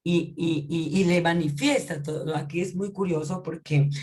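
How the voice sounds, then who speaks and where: A woman's voice: on the low side, fairly even intonation, normal speed, a little mellow. Conversational woman teaching the Bible. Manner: conversational, checks in often with listeners; repeats and restarts phrases.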